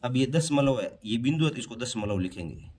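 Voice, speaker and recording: Here a man teaches primary-school math in a classroom-style board lesson, his mid-range voice expressive, brisk and a bit dark. A faint hiss or hum sits under the recording. He breaks the material into steps, asking questions and supplying the answers himself.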